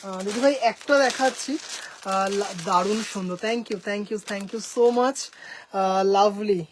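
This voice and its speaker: In a live showcase from her home boutique, a woman with a Bengali accent eagerly presents sarees, addressing viewers as sisters and sprinkling in English phrases. She speaks a little slowly in a mid-range voice, and the poor audio carries some hiss or hum.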